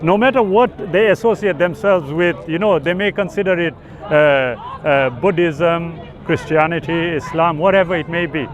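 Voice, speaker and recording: A man's voice: a little high, moderate pace, dull audio. A man in an impromptu street debate on religion, questioning and persuasive, often interjecting. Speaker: street debater at an open-air speakers' corner. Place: outdoors in a busy public park. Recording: outdoor street recording with crowd chatter. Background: crowd chatter.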